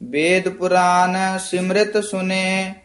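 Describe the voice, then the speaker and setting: A man reciting scripture aloud as a student, his voice high for a man and kept very flat. He draws every phrase out at a very slow, steady pace.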